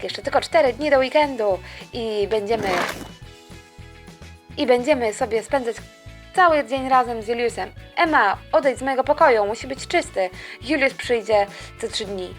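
Woman voicing a young boy, eager, excitable, chatty, stumbling, high pitch, toy-figure story. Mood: fussy. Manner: chatty, stumbling over words.

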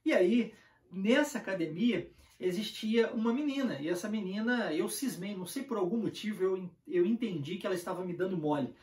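A man with a Brazilian Portuguese accent tells a personal story as an English lesson, animated and chatty, and he acts out the dialogue. The sound is echoey, as if the mic sits some way off in a bare room. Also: sits high, a little fast, distant mic. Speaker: English teacher. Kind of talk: casual anecdotal lesson.

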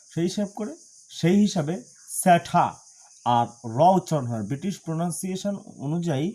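A man from Bangladesh teaching English pronunciation in a video lesson, repeating each word several times and stressing the examples. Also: fairly high pitch. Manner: drills words by repeating them, loud on the examples.

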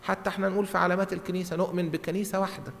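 A man's voice: high voice, flat delivery, racing, vocal fry, fairly bright tone. A middle-aged man with an Egyptian Arabic accent, a priest preaching an explanatory Bible lesson conversationally from a church lectern. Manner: conversational, acts out dialogue, repeats short phrases for emphasis. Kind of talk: Bible teaching sermon, explanatory. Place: large church interior at a lectern. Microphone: gooseneck lectern microphone. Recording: reverberant church hall.

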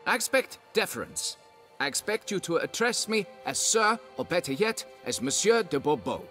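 A man's voice: high voice, animated, normal speed, bright, forceful tone, faint music behind. An actor playing a haughty, condescending nobleman who hires a witcher and insists on being addressed by his title. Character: pompous snobbish middle-aged male nobleman, vineyard owner. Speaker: client hiring a witcher.

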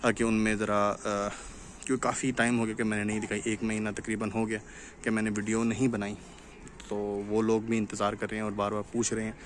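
A man's voice: lowish voice, fairly quick. A young man from Pakistan walking viewers through his farm construction site in a casual vlog, filmed outdoors on a phone. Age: young adult. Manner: explanatory, steady talk to viewers. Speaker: cattle farm vlogger. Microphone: phone camera, selfie framing. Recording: outdoor noise from tractors and wind.

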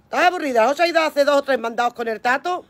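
A woman's voice: high voice, racing. An older woman, hosting a chatty live stream from her phone at home. She sounds flustered by the app and reads out her viewers' names with pet names. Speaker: online seller doing a live stream.

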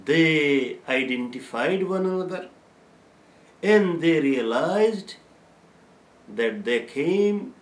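Speaking slowly in a medium pitch, an older Islamic teacher leads a lesson on the Quran, pausing his explanations of the verses to chant them in Arabic. The setting is a bare-walled, plain room with noticeable echo.

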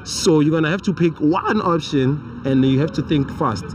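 A man's voice: a little high, moderate pace, recorded from a distance, crowd noise. A young man with a South African accent, playfully teasing as a street interviewer and mixing English with Zulu, recorded on a handheld mic outdoors.

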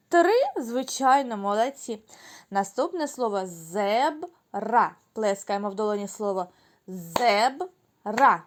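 A woman teaching a class of young children in a fairly high voice, pacing herself slowly and carefully. She stretches words out into syllables, answers her own questions and praises the class. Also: darkish tone. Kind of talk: children's lesson.

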